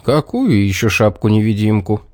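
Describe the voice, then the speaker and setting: A man's voice: fairly low pitch, very animated, moderate pace, a little mellow, no room sound, clean studio sound. A man as a stern grumbling father.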